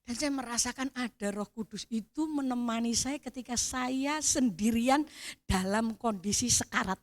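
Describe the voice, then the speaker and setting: A middle-aged woman with a Javanese accent giving an animated sermon testimony, calling out to the congregation and swelling to near-shouts. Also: a little high, moderate pace. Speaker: preacher.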